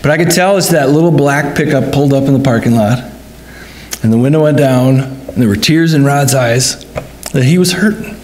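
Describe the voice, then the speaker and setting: A middle-aged pastor preaches at a funeral in a church sanctuary, earnestly telling a story and shifting his tone to voice the dialogue. His voice is medium in pitch and darkish, delivered at a moderate pace.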